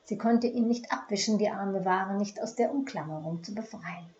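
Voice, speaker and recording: A woman reading a crime novel aloud in a measured, dramatic way. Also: medium pitch, darkish tone, a little hiss or hum. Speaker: audiobook narrator. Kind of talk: scripted crime novel narration. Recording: dull lo-fi recording.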